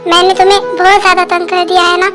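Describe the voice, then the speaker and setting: Fan-dub woman as a young husband: very high, flat-toned, stammering apologies, faint music underneath. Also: quick pace. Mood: remorseful. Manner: pleading, stammering. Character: young husband, anxious and remorseful.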